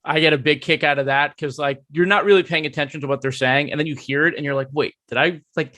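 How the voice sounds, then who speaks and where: A man hosts a sports podcast, chatting in an animated, casual way. His voice is bright and sharp and sits a little high. The recording is close and dry. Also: fast, no room sound. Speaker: podcast host. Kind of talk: casual chat.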